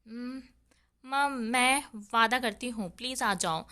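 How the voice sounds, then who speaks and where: A woman's voice: fairly high pitch, bright, forceful tone, clean tone. A woman voicing a desperate young woman who pleads tearfully to escape a forced marriage.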